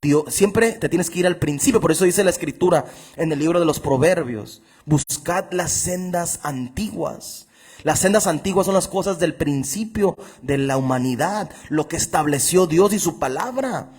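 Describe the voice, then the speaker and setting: Husky, high-pitched man preaching emphatically. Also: darkish tone. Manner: emphatic, slows down to read scripture aloud. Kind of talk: sermon with scripture reading.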